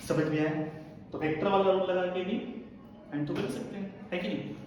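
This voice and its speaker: A male physics teacher with a fairly high voice works through a formula at the board, stopping every few lines to check that his students are following. He sounds a little distant from the mic in a very echoey room with a long reverb tail. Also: fairly even intonation, fairly quick, a little mellow, slight background noise. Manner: explains step by step, checks in often. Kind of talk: classroom lecture at a board.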